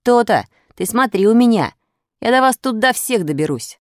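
A woman voicing a boastful little schoolboy who shouts threats at his classmates in a storybook reading. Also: lowish voice, moderate pace, no room sound, clean studio sound, close to an everyday voice. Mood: cocky. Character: cocky small schoolboy, boastful bully.

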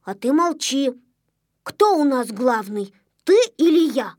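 A woman's voice: sits high, lively intonation, takes it slowly, darkish tone, no room sound, clean studio sound. Woman voicing a blustering little boy. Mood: bossy. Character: boastful, bossy little boy shorty. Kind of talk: storybook reading.

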